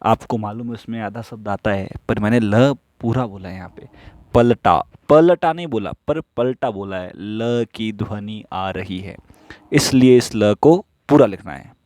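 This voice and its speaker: This stenography instructor speaks slowly, as in a classroom, repeating the rules and supplying answers to his own questions. He has a fairly low, warm voice, captured in a dry recording.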